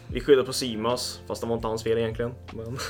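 A man's voice: mid-range voice, faint music behind. A young man co-hosting a casual podcast, telling stories with lots of fillers and swearing. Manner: excitable storyteller, swears a lot, lots of fillers. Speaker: podcast co-host. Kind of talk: casual podcast chat, storytelling.

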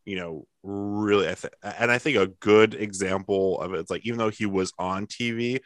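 A man's voice: on the low side, normal speed, no echo, studio quality. A man in his early thirties co-hosting a podcast, trading easygoing, profane banter. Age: 30s. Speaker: podcast co-host. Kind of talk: casual podcast chat.

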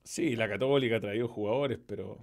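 A man's voice: on the low side, a little fast, vocal fry, heavy background noise. A man with a Chilean accent hosting a football stream in casual chat, loose and swearing freely as he reads out chat messages. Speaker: football show host.

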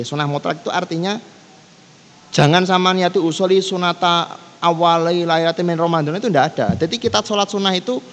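Leading a relaxed religious lesson on kitab study, a man with a Javanese accent speaks in a voice on the high side, a bit bright. He's easygoing, moves between languages, and recites Arabic passages, with long reverb and faint background noise in the recording.

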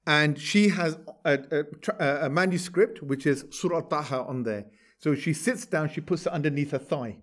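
Man, storytelling lecture, conversational, somewhat high voice. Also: moderate pace, fairly bright tone. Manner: conversational, asks "right?" to check in. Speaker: religious teacher.

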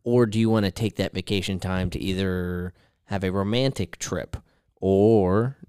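Casting note: a relaxed podcast co-host, man, lowish voice, dry close sound. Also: unhurried, smooth, no echo. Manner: relaxed, rambling, laughs often. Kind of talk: casual chat.

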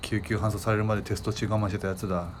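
A man with a slightly low voice co-hosts a casual chat. He talks fast and pokes at the story with quick questions and teasing remarks. A faint hiss sits under the recording. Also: little pitch movement. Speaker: podcast co-host.

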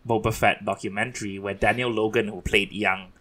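A man's voice: on the low side, steady tone, a little fast, bright, forceful tone. A man from Singapore hosting a casual podcast chat, chatty and laughing often. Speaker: podcast host.

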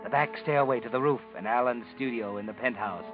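A man's voice: mid-range voice, lightly acted. The Whistler, an ominous narrator, voiced by a man. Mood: brooding. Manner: ominous and measured. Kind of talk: second-person suspense narration. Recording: muffled old radio broadcast with music.

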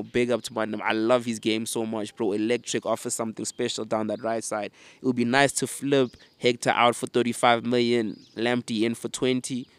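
This male football fan host speaks at a medium pitch with level intonation and no room sound. He's casual and opinionated, swearing and using urban slang like bro, fam and mandem.

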